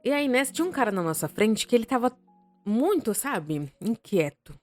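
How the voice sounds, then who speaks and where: A woman's voice: on the high side, soft background music. A young woman with a Brazilian accent, co-hosting a podcast and telling a story in a casual, slangy, swearing way. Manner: animated, slangy and profane, quick shifts in loudness. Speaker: podcast co-host.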